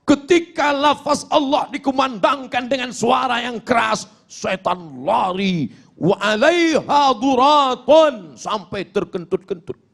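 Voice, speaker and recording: A man's voice: very high-pitched, animated, takes it slowly, gravelly, a bit bright. A man giving a humorous sermon as a preacher, acting out little dialogues and chanting Arabic verses.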